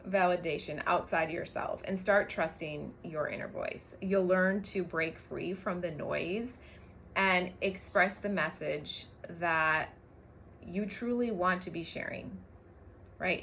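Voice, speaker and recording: A gravelly, lowish, fairly bright female voice speaks slowly over a little hiss or hum. The speaker is a brand coach and business co-owner giving an emphatic motivational talk on a livestream, swearing casually and checking in often with brief tag questions.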